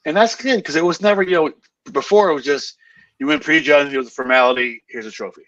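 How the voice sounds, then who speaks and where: A man's voice: on the high side, fast, fairly bright tone, dry recording. A man co-hosting a casual chat, agreeing and chiming in with short comments. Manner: agreeable, chimes in. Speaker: co-host commentator. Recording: muffled, dry, distant from the mic.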